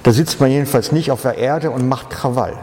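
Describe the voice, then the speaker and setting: A man's voice: mid-range voice, a little fast, mellow. A male pastor, preaching a sermon with dramatic storytelling. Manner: dramatic storytelling, acting out voices. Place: church hall. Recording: echoey reverberant church hall.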